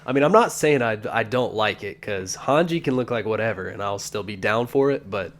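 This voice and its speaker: A man's voice: lowish voice, expressive, a little fast. A man co-hosting a podcast, chatting casually with crude, profane banter. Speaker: podcast co-host. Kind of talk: casual chat.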